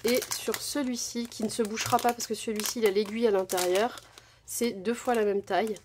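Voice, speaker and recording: In a noisy setting, a crafting channel host talks fairly quickly in a high-ish, steady voice while displaying her craft haul at her home desk. She's casual and chatty, with plenty of fillers and self-corrections.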